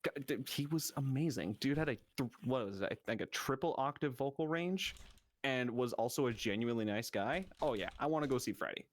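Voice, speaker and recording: A man in casual chat as a guest, excitable and swearing freely. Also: mid-range voice, a little fast. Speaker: VTuber guest.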